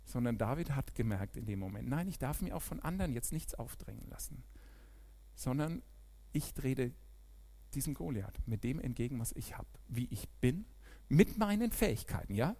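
A man preaching a sermon in a church, animated, swinging from loud emphatic peaks to quiet, near-whispered asides. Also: mid-range voice, moderate pace.

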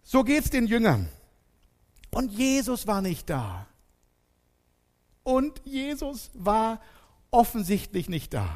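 Animated preacher with sweeping pitch. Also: male voice, in a large hall. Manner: addresses congregation directly, dramatic pauses and swings from soft to loud. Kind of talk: sermon.

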